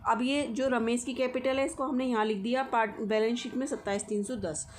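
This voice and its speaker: A woman's voice: on the high side, fairly even intonation, fairly quick, a little mellow, a little hiss or hum. A woman teaching accounting, walking through the steps one at a time and checking in with her students often. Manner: explains step by step with frequent check-ins. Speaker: commerce teacher. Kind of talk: accounting lesson walkthrough.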